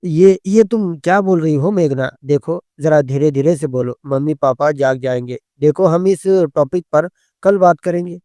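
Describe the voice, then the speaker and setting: A man voicing an impatient young husband who scolds in a hurried, hushed way within a story reading. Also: on the high side, dry recording, studio quality, natural voice. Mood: scolding.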